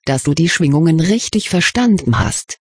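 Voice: mid-range voice, expressive, moderate pace, breathy edge, dry recording, studio quality. A reader voicing an awkward, blunt teenage wizard boy who speaks plainly and asks puzzled questions in an audiobook. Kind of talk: audiobook reading.

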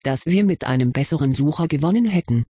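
A stubborn schoolboy wizard in a storybook, asking questions and defending himself with a wry touch, read by a narrator. The voice is slightly husky, close and dry. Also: medium pitch, animated, quick pace, mellow, dry recording. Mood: questioning, wry. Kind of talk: audiobook reading of fan fiction.

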